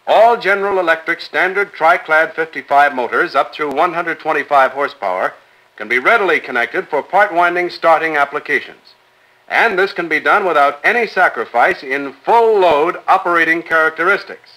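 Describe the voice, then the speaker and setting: A man co-announcing a 1950s company newsreel, reading news items in a brisk, upbeat announcing manner. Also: a little high, animated, sharp tone, low-quality recording.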